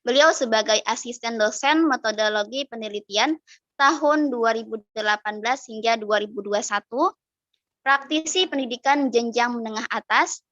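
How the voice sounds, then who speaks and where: Bright-voiced woman moderating a webinar. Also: a little high, no room sound. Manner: formal, reads from script. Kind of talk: formal introduction, reading a speaker bio. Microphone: video call. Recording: dry, thin lo-fi video call audio.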